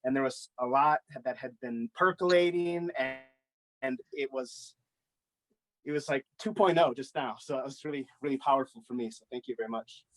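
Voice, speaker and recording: Halting reflective man, dry close sound. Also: medium pitch, no room sound. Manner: halting, reflective, searching for words. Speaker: workshop participant. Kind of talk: casual sharing on a video call. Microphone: video call.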